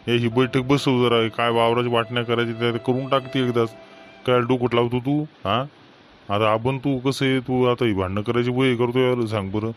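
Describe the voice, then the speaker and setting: A man's voice: medium pitch, steady tone, normal speed, faint music behind, lightly acted. A man with a Varhadi Marathi accent playing a weary old farmer father who grumbles and laments about his quarreling sons in a village comedy skit. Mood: lamenting.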